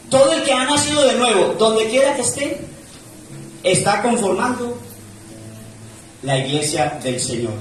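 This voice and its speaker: Male pastor with a high voice, preaching with swelling emphasis, heard from a distance in an echoey church. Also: a little hiss or hum. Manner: preaching with rising and falling emphasis, reads scripture aloud. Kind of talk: sermon. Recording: echoey church room from far off.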